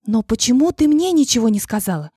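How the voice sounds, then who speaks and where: A woman's voice: a little high, sing-song, brisk, dark tone, breathy edge, dry recording, clean studio sound, pitched above the performer's own voice. A woman voicing an indignant young woman, a newly chosen court witch, who talks in an upset, pleading way.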